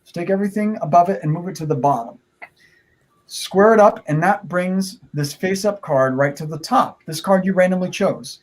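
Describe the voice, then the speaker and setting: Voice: mid-range voice, normal speed. A performer with playful kids-party magician patter, giving repeated step-by-step instructions to an online audience in an encouraging way. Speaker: magician leading a card trick.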